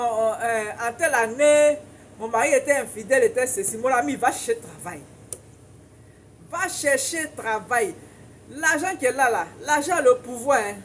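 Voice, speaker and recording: A woman with an Ivorian French accent delivers relationship advice straight to her viewers, pressing her points with repetition and frequent laughter. Her voice sits high, and a faint hum of noise stays under it. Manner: emphatic, preachy, laughs often, repeats for emphasis. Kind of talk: casual advice monologue to viewers.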